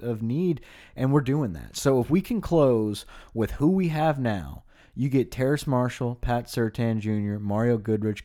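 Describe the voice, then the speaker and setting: A man's voice: medium pitch, dark tone. A man, casually and enthusiastically breaking down football recruits as a podcast host. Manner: enthusiastic, rattles off recruit names. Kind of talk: casual sports talk.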